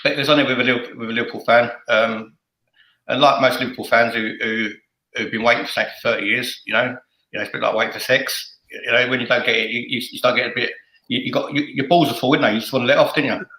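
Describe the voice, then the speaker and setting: Speaking fast, with a medium-pitched voice that's bright and forceful and fairly even in intonation, a middle-aged man hosts a casual football fan chat. The sound is roomy and echoey, and he's jokey, crude, and sweary, frequently repeating words as he stammers along.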